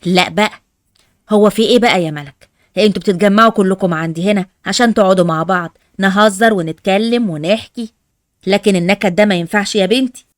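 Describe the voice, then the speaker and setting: A woman voicing a fast-talking Egyptian grandmother. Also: mid-range voice, no room sound, clean studio sound, lightly acted. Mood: scolding. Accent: Egyptian Arabic. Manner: fast, lecturing. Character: caring, scolding old grandmother. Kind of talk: Roblox family drama voice acting.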